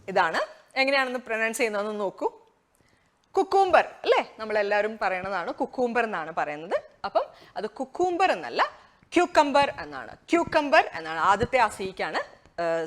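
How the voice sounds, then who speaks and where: A woman with a Malayali accent giving a chatty English lesson, laughing between explanations and slowing right down to model each word and sentence. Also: medium pitch, fairly bright tone. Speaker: English teacher. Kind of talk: casual spoken English lesson.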